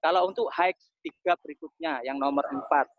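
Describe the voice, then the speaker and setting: A man's voice: a little high, a little fast, no room sound. Chatty man lecturing online. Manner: conversational, repeats phrases, chatty with local asides. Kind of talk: casual webinar lecture. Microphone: video call. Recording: slightly dull, dry online audio.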